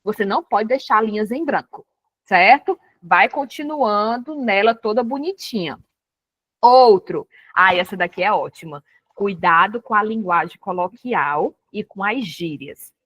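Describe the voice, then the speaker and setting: A woman's voice: mid-range voice, expressive, unhurried, no room sound, muffled recording. A Brazilian woman teaching a recorded writing lesson, explaining step by step and checking often that students follow. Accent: Brazilian Portuguese.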